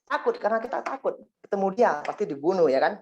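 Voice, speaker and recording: With a high, animated voice, quick pace and darkish tone, a man rambles through a testimony before a congregation. He peppers the story with "ya kan" and "singkat cerita" asides, heard through a dull lo-fi recording.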